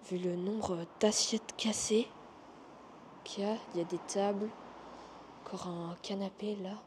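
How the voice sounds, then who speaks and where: A woman casually narrating an exploration vlog in a hesitant, halting way, trailing off between observations. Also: mid-range voice, fairly even intonation, background noise. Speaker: urban exploration vlogger. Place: inside a large abandoned hotel.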